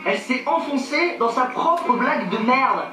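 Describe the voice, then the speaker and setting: A man's voice: very high-pitched, expressive, moderate pace. A young man giving playful, ironic vlog commentary. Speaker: youtuber. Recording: far-off, very echoey, loud music behind.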